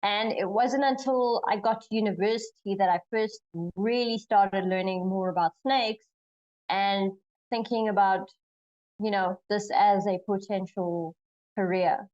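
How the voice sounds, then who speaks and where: A woman's voice: medium pitch, fairly even intonation, unhurried, darkish tone, muffled recording. A young woman from Zimbabwe, a snake researcher, answering interview questions thoughtfully over a video call, with frequent fillers and restarts. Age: young adult.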